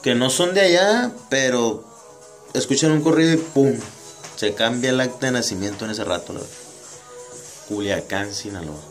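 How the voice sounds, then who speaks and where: A man's voice: mid-range voice, animated, moderate pace, faint music behind. Slangy joking Mexican man. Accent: Mexican Spanish. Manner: slangy, joking, rambling asides. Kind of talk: casual monologue.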